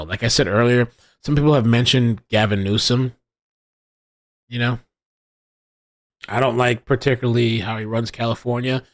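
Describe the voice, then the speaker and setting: A man rambles through casual live commentary on his stream, restarting sentences as he thinks aloud and stopping to read viewer chat. His voice sits at a middling pitch and is recorded close and dry, with no room sound. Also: dry recording. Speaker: livestream host.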